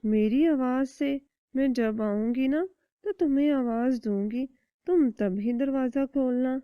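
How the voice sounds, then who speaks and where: A woman voicing a caring, worried mother hen in a cartoon, speaking gently. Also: high-pitched, clear, resonant tone, no room sound, voice pushed up, close to an everyday voice. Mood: tender. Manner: gentle, pleading explanations. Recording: dull dry lo-fi recording.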